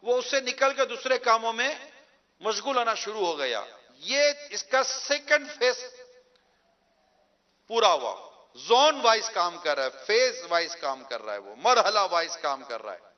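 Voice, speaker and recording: A male preacher telling a moral story in a sermon, earnest and drawn out, with slow emphatic endings. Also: sits high, very animated, pushed and bright, dull audio.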